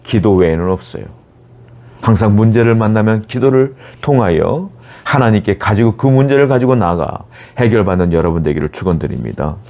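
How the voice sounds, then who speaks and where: Man, pastor, sermon, low voice, rhetorical questions, exhorting. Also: a little fast, darkish tone.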